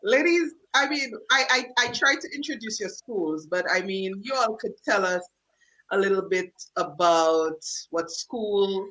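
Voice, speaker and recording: A woman's voice: mid-range voice, lively intonation, unhurried, pushed and bright, rough recording. A woman hosting a radio talk show in a casual, chatty way. She often restarts her sentences as she talks.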